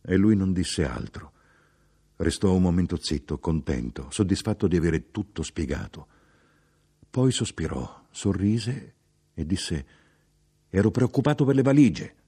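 A man giving a measured, expressive literary audiobook reading. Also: sits low, husky. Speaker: audiobook narrator.

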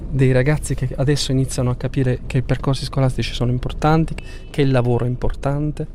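A man speaks in a measured, thoughtful way, often circling back over his words. He is interviewed inside a moving car, and traffic noise runs clearly under his voice. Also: medium pitch, level tone. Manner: measured, repeats words while thinking. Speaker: youth program coordinator.

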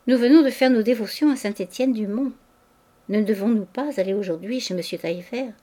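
A woman's voice: fairly high pitch, brisk, mellow, lightly acted. A woman reading aloud, voicing an anxious, devout widow who speaks earnestly and worriedly. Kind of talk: audiobook reading.

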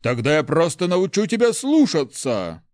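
A man voicing a hot-tempered young nobleman who shouts and bullies, in an audiobook. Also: fairly high pitch, wildly swooping pitch, moderate pace, dry recording, clean studio sound, pitched above the performer's own voice. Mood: furious. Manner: shouting, bullying. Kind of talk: audiobook character voice.

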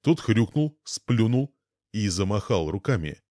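A man's voice: fairly low pitch, very animated, unhurried, warm tone, dry recording, clean studio sound. A man narrating an audiobook expressively, acting out the dialogue.

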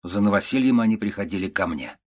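A man reading a story aloud in a slow, measured, steady way. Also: fairly low pitch, husky. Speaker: narrator.

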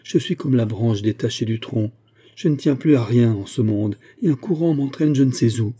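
A man's voice: medium pitch, moderate pace, warm tone, husky, natural voice. A man voicing a grief-stricken, remorseful young noblewoman in an audiobook, speaking in an anguished, pleading way. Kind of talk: audiobook character reading.

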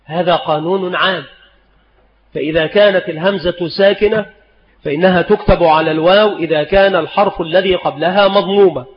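A man teaching spelling rules in a deliberate lecture, repeating each rule and example. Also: sits high, slight background noise. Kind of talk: recorded lecture. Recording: dull lo-fi recording in a reverberant hall.

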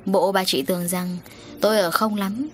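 A woman's voice: medium pitch, steady tone, moderate pace, slight background noise, lightly acted. A woman voicing a scornful middle-aged man who mocks and provokes, in a storybook reading. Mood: mocking. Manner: mocking, sneering.

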